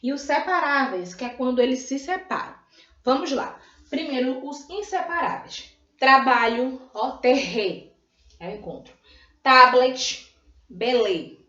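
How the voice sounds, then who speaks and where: A woman from Brazil, a primary school teacher, giving a grammar review lesson and slowly drawing out syllables to model them. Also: high voice, big pitch swings. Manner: slow, drawn-out modelling of syllables, often says "ó" and "né". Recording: echoey room, dull lo-fi sound.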